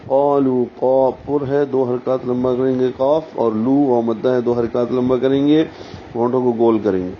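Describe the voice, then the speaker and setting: A man teaching Quran recitation, explaining each letter slowly and deliberately, and sounding out syllables as models. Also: mid-range voice, steady tone. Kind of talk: tajweed lesson, explaining pronunciation. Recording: dull, slightly muffled sound with faint hiss.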